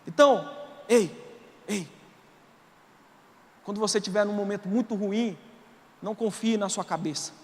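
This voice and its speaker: High-voiced Brazilian pastor in a reverberant hall. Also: male voice, moderate pace, pauses often. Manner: animated and colloquial, shifting from soft to shouting. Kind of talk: sermon. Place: church auditorium. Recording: long reverb of a large hall.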